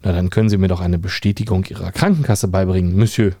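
A man's voice: sits low, steady tone, fast talker, dark tone, dry recording, studio quality. A man putting on a politely insistent female clerk. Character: patient, unflappable female Belgian counter clerk.

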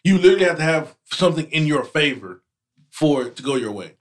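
Fast-talking animated man in chat. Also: fairly high pitch. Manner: animated storytelling, repeats himself. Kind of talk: casual debate chat.

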